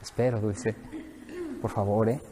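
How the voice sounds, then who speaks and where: A man preaching a sermon, lively and joking as he speaks straight to his congregation. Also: on the low side, a little slow. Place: church hall. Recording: echoey church hall.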